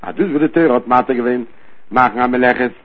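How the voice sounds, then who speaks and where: A man gives a Talmud study lesson at a quick clip, his voice husky and a little breathy. His phrasing rises and falls in a steady study cadence. The sound is thin and narrow, as if it came over a phone line. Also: medium pitch. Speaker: Talmud teacher. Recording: tinny phone-line recording.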